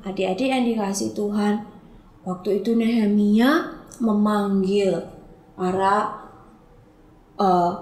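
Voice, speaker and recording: A woman with a high voice tells a Bible story to a Sunday school class. She keeps it lively and stops often to put questions to the children. The room around her echoes.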